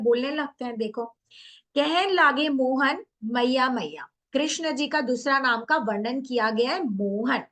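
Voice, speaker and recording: A woman's voice: high-pitched, a bit bright. A woman teaching a class online, explaining a poem line by line, mixing in English words and asking questions she answers herself. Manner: mixes English words into Hindi. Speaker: Hindi teacher.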